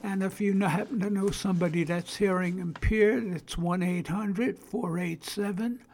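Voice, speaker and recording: Older female podcast host, Brooklyn accent, creaky husky voice, halting plain-spoken delivery. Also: medium pitch, steady tone, darkish tone. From Brooklyn, New York. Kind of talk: informal solo podcast talk.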